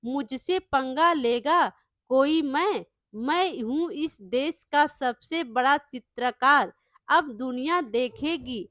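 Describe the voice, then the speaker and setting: Storybook landlord, male, arrogant, loud and scolding, voiced by a woman, high voice, unhurried, dry close sound. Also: no echo. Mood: boastful. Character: arrogant shouting male landlord painter, middle-aged.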